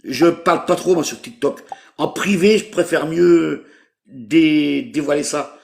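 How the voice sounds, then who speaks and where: A man's voice: a little high, a little slow, gravelly. A man in his fifties from France, talking hesitantly on a live call and searching for his words. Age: 50s. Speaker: caller seeking a partner.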